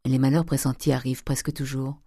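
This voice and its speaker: A reader narrating a classic novel in a measured, even way. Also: medium pitch, dry recording, studio quality. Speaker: audiobook reader. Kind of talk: literary audiobook narration.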